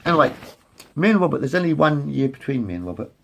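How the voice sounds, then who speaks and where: A man in his late forties vlogs to his phone's front camera in a loose, repetitive ramble, correcting himself as he strays between thoughts. His voice sits on the high side, fast and sing-song, fairly bright, with vocal fry, and the recording has a little hiss or hum.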